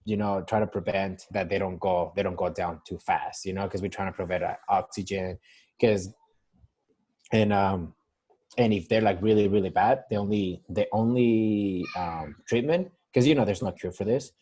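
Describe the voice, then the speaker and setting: A man's voice: low-pitched, normal speed, mellow, breathy edge. A young man from Mexico with a Mexican Spanish accent, working as a nurse and talking casually on a phone call in a rambling way, full of restarts. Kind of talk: casual interview over a call. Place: San Diego.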